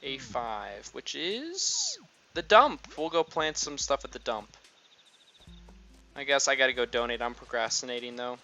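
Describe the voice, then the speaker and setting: A man's voice: medium pitch, steady tone, moderate pace, creaky, sharp tone, slight background noise. A man giving casual, chatty gameplay commentary, thinking aloud. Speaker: gaming video creator. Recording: slightly muffled lo-fi recording.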